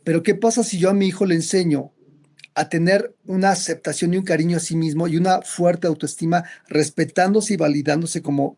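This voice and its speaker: Guy, psychologist, kinda high voice, rambles and restarts a lot. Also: darkish tone. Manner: storytelling, acts out quoted characters. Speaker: psychologist guest. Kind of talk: conversational explanation.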